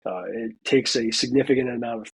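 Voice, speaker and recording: Speaking fairly quickly in a flat, creaky, slightly rough voice of medium pitch, a forties-aged American veteran now in college recounts a story for a casual interview. He's chatty, drops plenty of "you know" fillers, and acts out quotes. The recording is rough.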